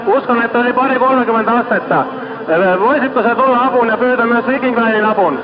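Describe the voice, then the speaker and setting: A man's voice: very high voice, quick pace, a crowd in the background. A man making an emergency distress call over marine radio, distressed and struggling for words. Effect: marine radio transmission. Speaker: ship radio operator calling for help. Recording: muffled archival marine radio recording.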